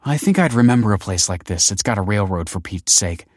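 A man's voice: on the low side, animated, fairly quick, no room sound, clean studio sound. A male audiobook narrator voicing a stiff, defensive woman who runs a factory and answers in curt, guarded lines.

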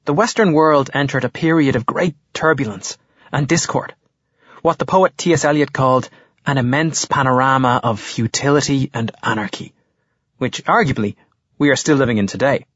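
An actor gives us a thoughtful male teacher from a storybook, lecturing in a measured and explanatory way. The voice is slightly husky, and the close, dry recording sounds a little dull. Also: medium pitch, a bit bright, dry recording. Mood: earnest. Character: earnest male history teacher lecturing his class. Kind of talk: audiobook character voice.

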